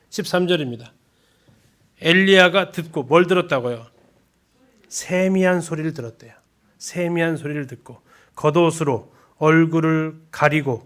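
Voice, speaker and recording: A man's voice: a little high, a bit bright. A man leading a Bible study lesson in a church, reading scripture aloud and putting questions to the congregation. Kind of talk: sermon-style Bible lesson.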